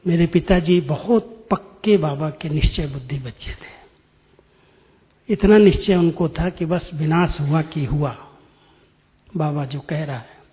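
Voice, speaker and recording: A man's voice: on the high side, a little slow, long pauses. A man, giving a spiritual discourse and telling his own story in an earnest, direct way. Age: 60s. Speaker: spiritual speaker. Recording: tinny phone-like sound in a hall with long reverb.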